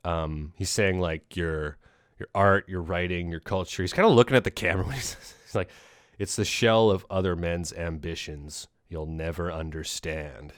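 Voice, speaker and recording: A man's voice: low-pitched, fairly even intonation, moderate pace, no echo, studio quality. A man hosting a podcast, chatting casually about a film in a rambling way, with lots of fillers, restarts and casual swearing. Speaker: podcast host.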